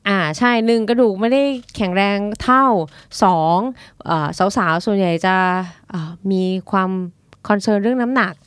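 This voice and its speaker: A woman doctor talks through injuries in an easy, chatty way, counting points off one by one. Her voice sits at a middle pitch. The sound is close and dry, with no room echo. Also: normal speed, smooth. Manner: lively, explains with numbered points and examples. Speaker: doctor guest. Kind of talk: casual explanatory chat.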